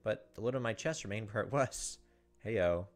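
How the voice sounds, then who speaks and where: With a lowish voice and a brisk pace, this man hosts a let's play. He reads visual novel narration aloud, adding asides, into a close desk microphone while game music plays.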